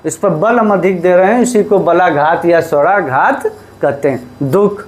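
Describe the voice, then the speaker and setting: A male teacher giving a lesson, who asks questions and answers them himself and repeats the key terms. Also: high-pitched. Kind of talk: classroom lesson.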